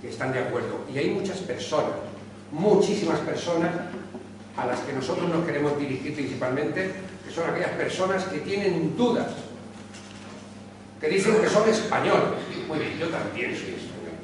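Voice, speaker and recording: A man in his sixties from Córdoba, Spain, gives an impassioned speech at a neighborhood meeting, earnest and emphatic and full of rhetorical questions. His fairly high voice is very animated at a moderate pace, and the recording has an echoey hall, a distant mic and background noise.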